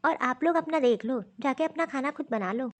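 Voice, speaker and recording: A woman's voice: high voice, a little fast, lightly acted. A woman voicing a rude, lazy young daughter-in-law in a cartoon story; she refuses curtly and dismissively. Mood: defiant.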